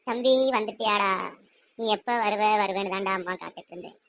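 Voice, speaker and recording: A woman playing a bedridden old mother, pleading fast. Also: mid-range voice, fairly even intonation, background noise, lightly acted. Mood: tender. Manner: pleading, tearful lament. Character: bedridden old mother longing for her sons.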